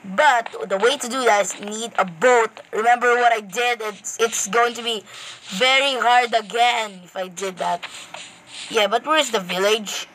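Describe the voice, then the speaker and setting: A woman giving rambling, excitable commentary to viewers while playing a game. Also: fairly high pitch, unhurried, a little hiss or hum, low-quality recording. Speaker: gameplay commentator. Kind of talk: casual gameplay commentary.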